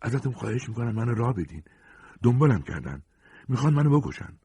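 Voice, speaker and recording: A man's voice: sits low, a little mellow, breathy edge, no room sound. A man voicing a hunted, panting middle-aged man who pleads breathlessly for shelter. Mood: pleading.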